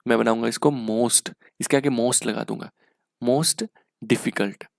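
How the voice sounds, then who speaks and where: Indian man teaching English, gravelly voice. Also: mid-range voice, fairly even intonation, no room sound, studio quality. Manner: explains slowly, reads sentences out word by word; checks in with repeated rhetorical questions. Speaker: English teacher for exam prep. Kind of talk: casual online exam-prep lesson.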